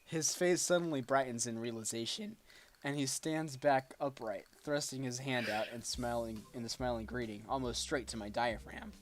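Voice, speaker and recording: A man's voice: mid-range voice, normal speed, soft background music. A man streaming, casually reading a visual novel aloud and correcting his slips as he goes.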